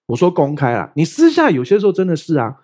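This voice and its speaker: A man's voice: fairly high pitch, quick pace. A middle-aged male pastor, preaching in a chatty sermon style and often asking if listeners follow. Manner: chatty, asks "you know what I mean?" often; animated, swings between loud and soft.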